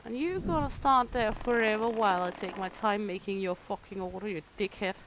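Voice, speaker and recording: A woman gamer playing a cooking simulation gives casual gameplay commentary, playfully talking to herself as she works and swearing at impatient customers. Her medium-pitched voice is fairly quick, on a rough recording with slight background noise.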